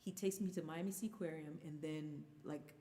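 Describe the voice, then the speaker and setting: A woman's voice: deep voice, steady tone, normal speed, warm tone, big-room sound. A woman in her thirties telling a personal story candidly in a casual chat as a guest. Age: 30s. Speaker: guest singer.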